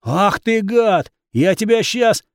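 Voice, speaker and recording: A man voicing a vain, boastful young swordsman who talks down to others and loses his temper fast. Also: on the high side, big pitch swings, a little mellow, no room sound, studio quality. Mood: cocky. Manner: boastful, contemptuous, hot-tempered.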